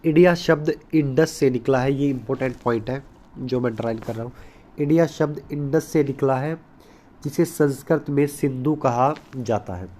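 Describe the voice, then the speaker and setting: A man's voice: mid-range voice, moderate pace, dark tone. A man teaching a recorded school lesson, explaining step by step, repeating key points and mixing English terms into his Hindi.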